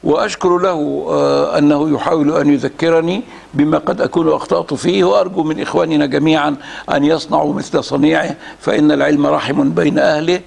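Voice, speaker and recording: Egyptian male scholar, somewhat high, gravelly voice, deliberate lecture with long thinking pauses. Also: steady tone, a little mellow. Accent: Egyptian Arabic. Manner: measured and deliberate, with frequent drawn-out hesitation sounds. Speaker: religious scholar giving a reading series. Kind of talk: lecture reading and commenting on a classical text.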